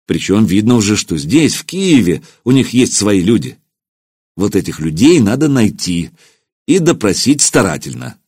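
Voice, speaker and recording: A man voicing a shrewd older boyar counselor who speaks in a measured, reasoning way. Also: on the low side, sing-song, darkish tone, husky, no room sound, studio quality.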